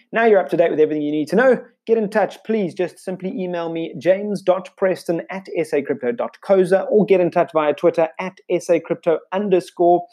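A man presenting a scripted weekly crypto news roundup, punching out headlines with brisk emphasis. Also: sits high. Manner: brisk newsreader delivery with lively emphasis on headlines.

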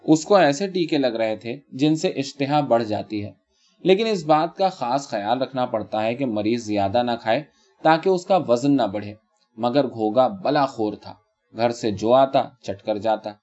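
A man narrates a literary story in a calm, measured way, his voice mellow and warm. The recording is slightly dull, as if muffled. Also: mid-range voice.

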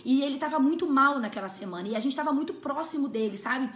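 High-voiced Brazilian woman telling a story. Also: quick pace, roomy sound. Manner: lively, laughs through her story. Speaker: church speaker sharing a testimony. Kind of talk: casual storytelling talk.

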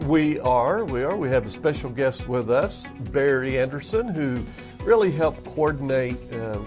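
A man's voice: medium pitch, lively intonation, unhurried, music in the background. A man speaking as a pastor on a podcast, answering conversationally into his own microphone. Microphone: own separate microphone.

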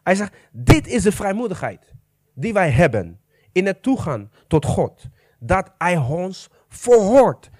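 High, lively preacher voice, dry mic. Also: male voice, slow, dry recording. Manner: emphatic, asks the congregation questions, slips into English phrases. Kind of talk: sermon.

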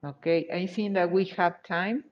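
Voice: medium pitch, steady tone. An English teacher going over exercise answers with a class, praising each answer and switching between English and Spanish. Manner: encouraging, checks answers with short praise; slow, deliberate delivery. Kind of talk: live class exercise review. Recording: dull lo-fi audio.

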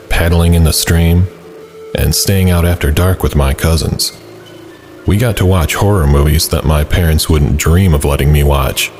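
A man's voice: very deep voice, darkish tone. A man narrating a scripted first-person story as a storyteller.

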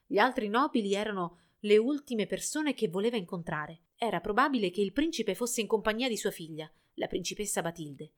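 A woman reading a fairy tale aloud in an expressive storybook narration. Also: medium pitch, fairly quick, few pauses.

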